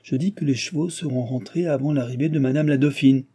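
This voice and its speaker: An arrogant, quick-tempered young nobleman, as a man reads him, barks his orders in a raised, imperious voice. The tone stays dark and husky under the lifted pitch. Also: natural voice. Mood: impatient.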